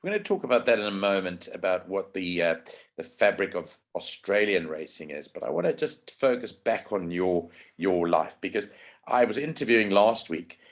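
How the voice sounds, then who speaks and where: Low-voiced man hosting a racing interview. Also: animated, normal speed. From South Africa. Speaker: podcast host. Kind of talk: interview conversation.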